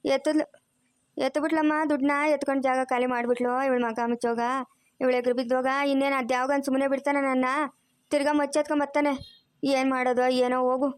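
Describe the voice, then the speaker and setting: A woman's voice: sits high, level tone, fast, no echo, lightly acted. A woman voicing a cursing old village grandma. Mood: lamenting. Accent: rural Chikkaballapur Kannada. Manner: scolding, repeats curses. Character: quarrelsome old grandmother, cursing and self-pitying. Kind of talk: cartoon voice acting.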